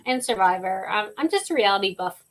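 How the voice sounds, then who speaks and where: A woman's voice: medium pitch, lively intonation, brisk. A woman co-hosting a casual wrestling review show, chatty and sure of her opinions. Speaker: podcast co-host.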